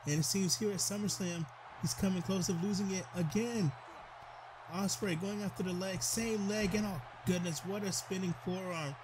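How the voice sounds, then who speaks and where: A man giving excitable play-by-play commentary over a wrestling video game, stumbling over his words and calling out to the wrestlers. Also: high voice, moderate pace, background noise.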